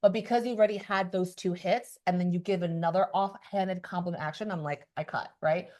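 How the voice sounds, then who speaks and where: A woman's voice: lowish voice, steady tone, fairly quick, a little mellow. A woman hosting a podcast in casual chat, talking emphatically and acting out the people she quotes. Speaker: podcast host.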